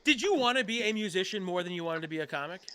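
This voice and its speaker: A man hosting a casual interview over a video call, halting and repeating words as he searches for them. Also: high-pitched, expressive, bright, forceful tone, smooth, no room sound. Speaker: podcast host.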